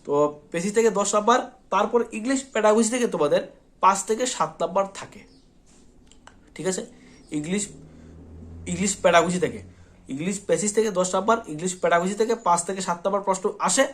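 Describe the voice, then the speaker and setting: A man with a high, slightly bright voice talks fast and pauses often while teaching an exam-prep lesson. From Tripura, India, he repeats his points and keeps checking in with students, reassuringly asking "thik ache."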